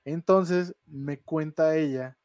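A man's voice: on the high side, slow pace, darkish tone, muffled recording. A man with a Mexican Spanish accent, co-hosting a casual podcast chat and telling a ghost story with slang and laughter. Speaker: podcast co-host.

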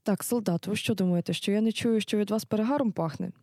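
A woman's voice: mid-range voice, fast talker, mellow, no echo, clean studio sound, lightly acted. A woman playing a night-shift nurse who firmly scolds and lectures a soldier. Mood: stern. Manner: firm, scolding, matter-of-fact. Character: strict night-shift nurse, commanding, caring.

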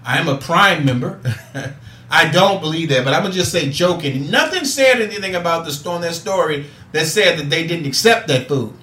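A man hosts a casual talk show but turns preachy, building up to emphatic repeats to drive his points home. His voice is on the high side, animated, pushed and bright, at a moderate pace, recorded in an echoey room.

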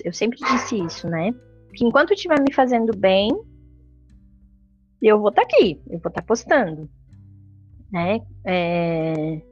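Woman chatting alone on her podcast, thoughtful, loose, kinda dull lo-fi sound. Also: medium pitch. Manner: casual, reflective, many fillers. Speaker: podcast host. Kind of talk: solo podcast chat.

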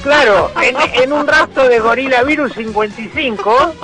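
A radio host and humorist with a Rioplatense Spanish accent delivers a satirical monologue full of mocking, sarcastic, rapid-fire jokes. His voice is extremely high-pitched, and music plays in the background.

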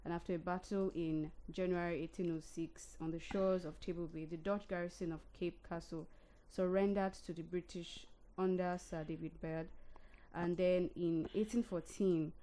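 A woman hosting a casual talk show, reading historical dates and then discussing them in a relaxed way. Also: lowish voice, moderate pace. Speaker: host. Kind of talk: casual radio history chat.

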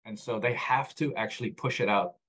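A man of Egyptian background who was raised abroad appears as a guest on a conversational podcast interview, where he is the founder of a data platform. He explains his data work earnestly, repeating his main points and restarting often. His voice is fairly low, a little fast and fairly bright in tone, with a husky quality.

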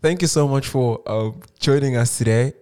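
Hesitant South African podcast host. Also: male voice, medium pitch, moderate pace, warm tone, smooth. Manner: hesitant, full of ums and likes, searching for words. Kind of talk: casual interview chat.

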